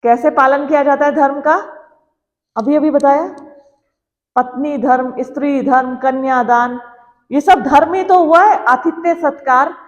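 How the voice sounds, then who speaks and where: A woman's voice: sits high, steady tone, unhurried, big-room sound, muffled recording. A female teacher giving an earnest classroom lecture, urging students and acting out parents' voices.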